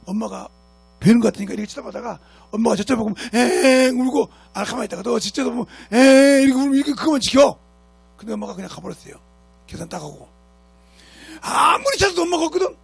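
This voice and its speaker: A male pastor preaching in a church with a raspy, gravelly voice. His pitch sits high and swings widely as he scolds and drives his points home with rhetorical questions. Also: lively intonation, fast. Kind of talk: sermon. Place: church sanctuary.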